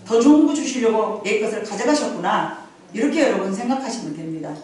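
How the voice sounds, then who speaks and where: A woman's voice: mid-range voice, expressive, a little fast, a little mellow, recorded from a distance. A middle-aged woman pastor preaching a sermon, rising in emphatic swells and dropping to confiding storytelling. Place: church sanctuary. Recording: very echoey church hall, from afar.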